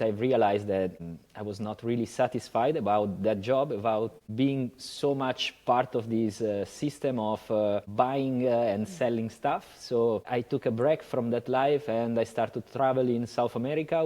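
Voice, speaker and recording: A man from Italy with an Italian accent, a guest telling his story in a relaxed, hesitant way with many pauses. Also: mid-range voice. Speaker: guest, yoga teacher. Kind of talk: casual interview talk.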